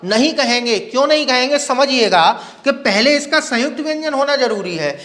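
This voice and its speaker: High-voiced man teaching in an echoey room. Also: pushed and bright. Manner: asks questions and answers them himself; repeats words slowly for pronunciation. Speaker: Hindi grammar teacher. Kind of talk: classroom lecture.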